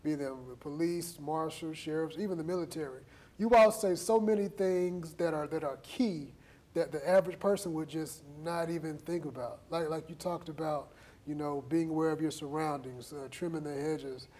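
A man's voice: a little high, moderate pace, a little mellow, slight background noise. A man, hosting a TV studio interview on a lapel mic, affirming his guests and summing up their points. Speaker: TV talk show host. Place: TV studio set.

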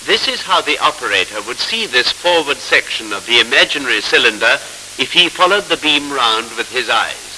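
Over a scratchy vintage film soundtrack, the narrator of a 1940s instructional film explains things formally and in measured fashion. He speaks at medium pitch with big pitch swings and a bright, forceful tone.

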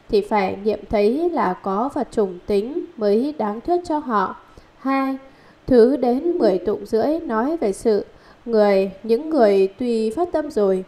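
A woman reading a Buddhist scripture commentary aloud in a measured, steady recitation, listing numbered points. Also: on the high side.

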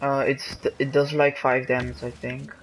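A man's voice: mid-range voice, level tone, normal speed, a little hiss or hum. A man giving casual commentary while playing a game on a livestream, often exclaiming as he reacts. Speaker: streamer.

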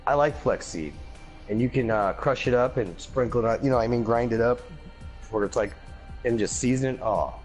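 A man's voice: mid-range voice, a little fast, faint music behind. Rambling casual man chatting about snacks. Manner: rambling, restarts, laughs easily. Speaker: gaming channel co-host. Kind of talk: casual chat. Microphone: headset or desk mic.

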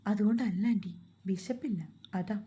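A woman voicing a shy, heartbroken young wife in a storybook reading, speaking softly and hesitantly. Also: medium pitch, normal speed, slight background noise, lightly acted. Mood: timid. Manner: soft, timid and hesitant.

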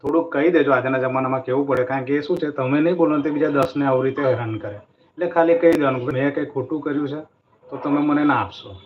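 An earnest man gives a spiritual motivational talk, retelling a story and leaning on repeated phrases. His voice sits at a middle pitch. The recording is dull and lo-fi, with a faint hiss underneath. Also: fast talker. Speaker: motivational speaker.

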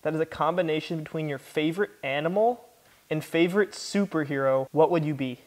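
A man's voice: a little high, fairly quick. A young American man chatting casually for a vlog in a joking, slangy way. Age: young adult. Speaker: vlogger.

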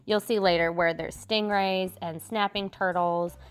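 A woman's voice: on the low side, steady tone, a little slow, clear, resonant tone. A woman giving chatty, appreciative travel vlog narration in a casual style. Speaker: travel vlogger.

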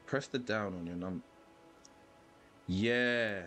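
London guy rambling on a game stream, lowish voice, bit of slang. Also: slow, fairly bright tone, soft background music. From London, England. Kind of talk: casual gaming live-stream chat.

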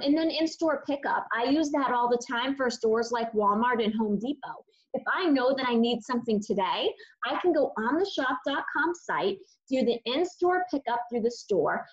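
A woman's voice: a little high, lo-fi sound. A woman giving an upbeat, chatty walkthrough of a shopping website over a screen share, with many "um"s and "you know"s. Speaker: online shopping presenter.

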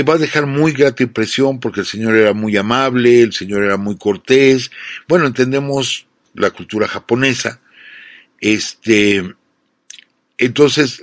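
A man's voice: medium pitch, no room sound, studio quality. A man with a Mexican accent hosting a radio program and telling film history in a conversational way. He talks straight to his listeners as friends and often checks in with them. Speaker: radio host.

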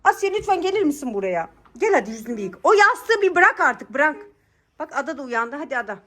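A woman's voice: high-pitched, big pitch swings, quick pace, sharp tone. A woman in her thirties playing a mother who scolds and coaxes her children to get up, sounding exasperated in a bedroom at home. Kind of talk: scripted family skit.

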